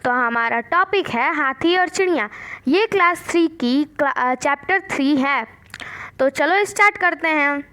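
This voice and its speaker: High-voiced woman teacher telling a story. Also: animated, unhurried, bright, forceful tone. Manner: repeats and explains each line simply. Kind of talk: storybook lesson for young children.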